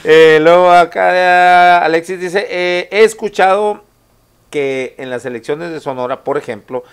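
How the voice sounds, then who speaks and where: A man's voice: high-pitched, measured pace, clean tone. A man hosting a live talk show, reading viewer comments aloud in a casual, joking way. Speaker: host.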